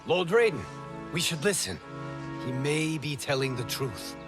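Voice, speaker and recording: An earnest young fighter who pleads with urgency. His pitch moves in a lively way, and orchestral music sounds beneath him. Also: a little slow. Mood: urgent. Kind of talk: video game cutscene acting.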